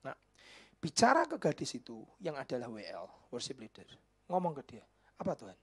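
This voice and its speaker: A man, a pastor preaching a sermon and telling a story. He drops to a whisper when quoting people and rises to loud exclamations. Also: mid-range voice, wildly swooping pitch, normal speed, breathy edge. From Indonesia. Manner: mixes in Javanese words. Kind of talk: sermon with acted-out dialogue.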